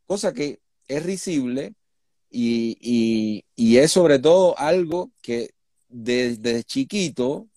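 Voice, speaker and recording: Slowly and expressively, a Cuban interview guest and human rights activist lays out his points with conversational indignation and emphasis. His medium-pitched voice is mellow, and the studio recording is dry and clean.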